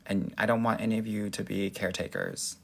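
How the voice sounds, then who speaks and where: A man's voice: on the low side, fairly even intonation, brisk, creaky. An American man from Los Angeles hosting a casual livestream, chatting with sassy, effusive, girly best-friend familiarity as he answers viewers. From Los Angeles, United States. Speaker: dating coach and livestream host.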